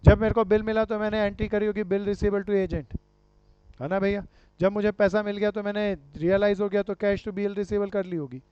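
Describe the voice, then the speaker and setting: High clear-voiced man teaching accounts. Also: little pitch movement, normal speed, dry recording. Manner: quizzing students, calls them dear friends and brother. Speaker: commerce teacher. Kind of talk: classroom lecture with questions to students. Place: classroom. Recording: dull lo-fi sound.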